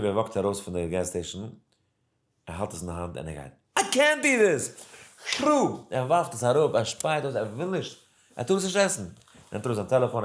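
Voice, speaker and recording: A man teaching a daily Torah lesson, telling a story in casual speech, acting out the people in it with lively voices and chanting Hebrew verses in a singsong. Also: lowish voice. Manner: animated storyteller acting out characters, mixing in English and Hebrew.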